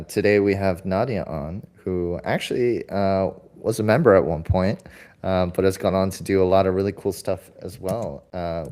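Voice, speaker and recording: A man's voice: sits low, a little mellow, clean tone. A man hosting a livestream podcast interview, upbeat and loose, with plenty of fillers. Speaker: podcast host.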